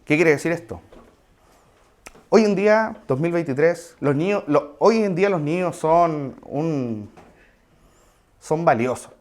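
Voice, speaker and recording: A man's voice: a little high, animated, unhurried, pauses often, darkish tone. Conversational preacher man. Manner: conversational, asides to the congregation. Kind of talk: sermon.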